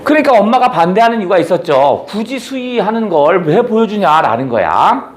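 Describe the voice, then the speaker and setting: Animated man retelling a story. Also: high voice, a little fast. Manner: animated, asks rhetorical questions then answers them. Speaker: book lecturer. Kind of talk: storytelling book lecture.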